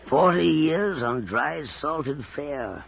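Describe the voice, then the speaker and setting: An actor playing a weary, obsessed old whaling captain in a theatrical, halting old time radio drama style. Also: male voice, on the high side, lively intonation, gravelly, fairly bright tone, full character voice. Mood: weary, brooding. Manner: theatrical, halting, repeating phrases. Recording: muffled, noisy old radio drama recording.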